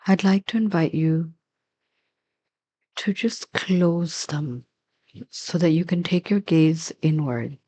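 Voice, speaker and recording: In a low-pitched voice, a female teacher leads a guided meditation, offering gentle directions at a slow pace with lengthy silences between them.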